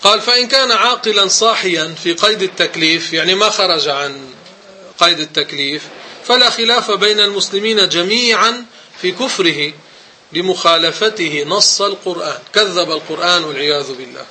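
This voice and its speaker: Brisk, bright-voiced sheikh teaching. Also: male voice, high voice, slight background noise. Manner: emphatic, corrective explaining. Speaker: religious teacher. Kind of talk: religious lesson with commentary on a text.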